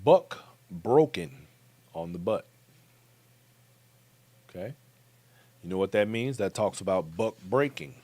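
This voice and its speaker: Emphatic American man, lively delivery. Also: low voice, takes it slowly, pauses often, no room sound. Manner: emphatic, direct address to viewers. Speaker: commentary show host. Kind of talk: talk-show commentary.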